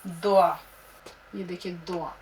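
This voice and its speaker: A woman teaching how to write and pronounce words, spelling out letters and syllables slowly and reciting couplets. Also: lowish voice, steady tone, a little mellow. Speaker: Urdu teacher. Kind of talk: slow script-writing lesson. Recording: distant mic with faint room noise.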